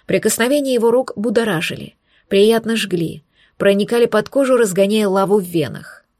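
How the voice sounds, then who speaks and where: A woman reading a first-person romance novel aloud, intimate and emotional, with measured phrasing. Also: medium pitch, a little mellow, dry recording, clean studio sound. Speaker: audiobook narrator.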